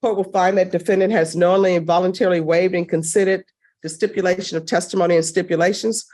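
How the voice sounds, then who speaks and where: A woman judge running formal courtroom proceedings in a brisk, firm, stern manner, heard in a courtroom recording. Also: fairly low pitch, fairly even intonation, warm tone.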